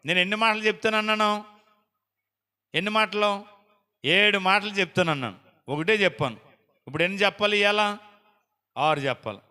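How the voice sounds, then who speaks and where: A man preaches in a high, bright, crisp voice, firing question after question at his congregation and calling out loud praise. His voice carries a long reverb that rolls around a church hall. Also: moderate pace, pauses often. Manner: call-and-response, quizzing the congregation with repeated questions; exclaims praise loudly. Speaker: pastor. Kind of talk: sermon. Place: prayer house hall.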